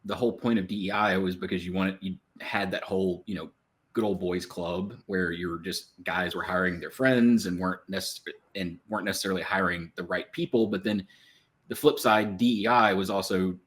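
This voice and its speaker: A man's voice: deep voice, fairly bright tone. A man co-hosting a casual podcast panel, talking in a rambling way with many fillers and restarts. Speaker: panel co-host.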